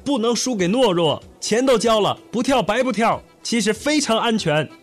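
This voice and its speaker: A man voicing a brisk, coaxing male skydiving translator in an audiobook. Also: high-pitched, expressive, soft background music, pitched above the performer's own voice.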